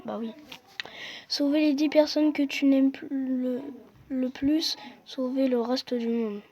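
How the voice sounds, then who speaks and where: Young high-voiced gamer talking to viewers. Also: steady tone, slow pace, dull audio. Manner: chatty, slangy, talks to viewers. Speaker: gamer playing a quiz app. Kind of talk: casual gaming commentary. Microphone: phone microphone.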